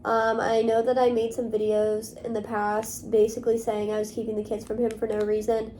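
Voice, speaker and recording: A woman's voice: on the high side, monotone, fairly quick, mellow, a little hiss or hum. Rambling young woman, lots of fillers. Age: young adult. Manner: rambling, filler-heavy, many "like" and "um". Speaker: vlogger. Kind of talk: casual talk to camera.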